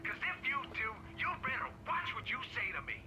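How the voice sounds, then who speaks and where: A man's voice: very high voice, very animated, fairly quick. An actor playing a threatening male kidnapper on a phone call in a video game, speaking in short, clipped demands. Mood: menacing. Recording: noisy phone line.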